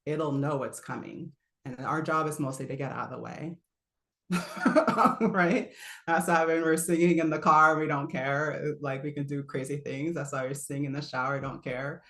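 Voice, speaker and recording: In a roomy-sounding recording, a woman with a low voice runs a live online singing class at normal speed. Her manner is easygoing and talkative, with frequent laughter and breaks to show sounds.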